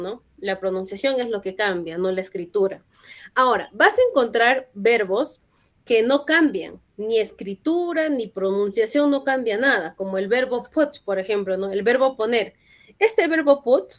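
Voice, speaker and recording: A woman English teacher, patiently explaining grammar in a classroom lesson and often checking with short tag questions. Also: a little high.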